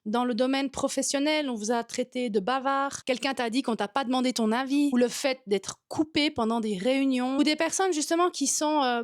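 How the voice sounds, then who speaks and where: A woman with a Swiss French accent vlogs straight to the viewer in a high, bright-toned voice. She is a yoga teacher and content coach, and she talks in a direct, lively and informal way. The sound is dry and close, with almost no room echo. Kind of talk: talking-to-camera vlog.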